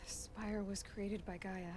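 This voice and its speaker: A woman plays a determined young heroine in a video game drama. Her medium-pitched voice is earnest, questioning and guarded, with clear ambience behind it. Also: flat delivery, a little slow, darkish tone, slight background noise, close to an everyday voice. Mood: serious, realizing.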